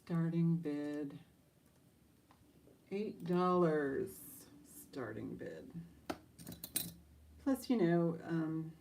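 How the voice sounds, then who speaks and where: A woman's voice: deep voice, extremely slow, long pauses, warm tone, slight background noise. A woman running a live online auction as auctioneer, mixing casual, chatty patter with bid calls in an informal, rambling way.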